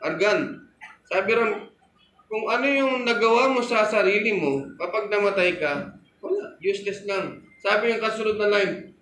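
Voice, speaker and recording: A man's voice: high voice, fairly bright tone, roomy sound, slight background noise, rough recording. A man preaching a sermon as pastor, telling a story and calling out to the congregation for amen.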